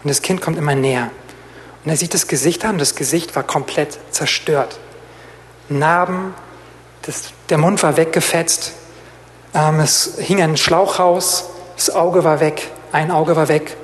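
A man's voice: a little high, steady tone, a little slow. A man with a slightly raised voice delivers a sermon, telling a story and then leading a prayer. He talks earnestly, with fillers and restarts along the way. A faint noise sits under the recording. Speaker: preacher.

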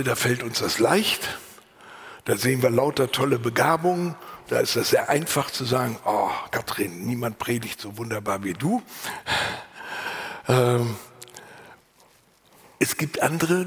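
A pastor preaching a sermon, earnest and lively, sometimes dropping to a whisper and then rising for emphasis, with a voice he himself calls unusual. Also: mid-range voice, unhurried, big-room sound. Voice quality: husky. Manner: earnest, varied, drops to whispers and rises for emphasis. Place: church.

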